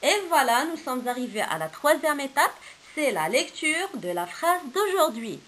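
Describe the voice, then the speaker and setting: A woman's voice: sits high, big pitch swings, moderate pace, fairly bright tone, slight background noise, low-quality recording. A woman teaching a kindergarten reading lesson, patiently sounding out letters and syllables one by one and praising the children.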